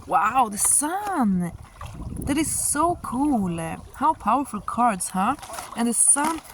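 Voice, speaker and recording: A woman giving a casual, musing tarot reading outdoors by the water, halting at times and drawing out some words. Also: on the high side, big pitch swings. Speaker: tarot reader and host. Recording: outdoor recording with water noise. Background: sound of moving water.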